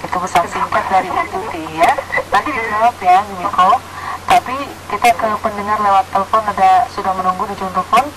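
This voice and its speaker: A woman's voice: medium pitch, fast. Woman hosting a very noisy radio call-in. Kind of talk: live hosting, reading listener messages.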